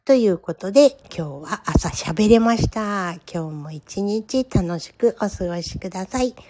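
A woman in her fifties hosting a solo podcast, talking about her own life in a gentle, confiding, reflective way. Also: mid-range voice, animated, unhurried. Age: 50s. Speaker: podcast host. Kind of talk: solo personal podcast talk.

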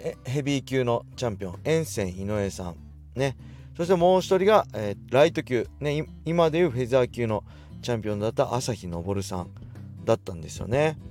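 A man's voice: fairly low pitch, darkish tone. A man in his forties hosts a solo talk show, chatting loosely with many fillers and reading out listener letters. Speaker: podcast host and fighting gym owner.

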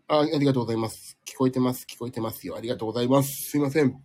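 A man with a medium-pitched, slightly mellow voice talks at a racing pace while hosting a casual live stream from home. He chats with listeners in a sleepy, rambling, self-deprecating way and sounds slightly nasal from a cold.

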